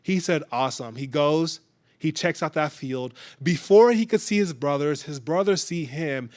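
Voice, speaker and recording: A man's voice: fairly high pitch, expressive, a little slow, a little mellow. A young man giving a sermon as a casual, conversational story, with frequent hesitations. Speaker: preacher.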